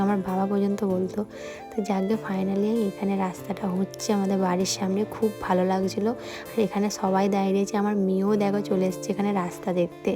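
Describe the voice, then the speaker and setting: A young woman narrating her home vlog in a chatty way, talking straight to her viewers. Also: mid-range voice. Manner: chatty, addresses viewers directly. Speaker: vlogger.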